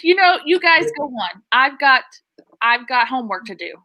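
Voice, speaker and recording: A woman improviser playing a scene, playful and quick to change her tone. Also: sits high, very animated, bright, forceful tone, slight background noise. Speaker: improv player.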